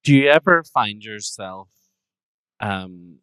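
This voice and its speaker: A man hosts a live podcast, putting wry, teasing questions to his guests. His voice is bright and crisp, recorded dry. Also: on the low side, lively intonation, slow, dry recording, low-quality recording. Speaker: podcast host.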